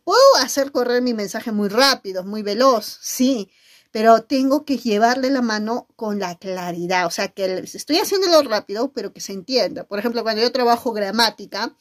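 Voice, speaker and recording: A woman's voice: a little high, normal speed. A middle-aged woman teacher giving a video lesson, talking expressively and often checking in with her listeners. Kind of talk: video lesson on nonverbal communication.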